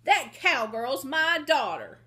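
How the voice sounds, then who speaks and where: A woman's voice: on the high side, big pitch swings, slow pace. A woman doing a feisty ranch mother.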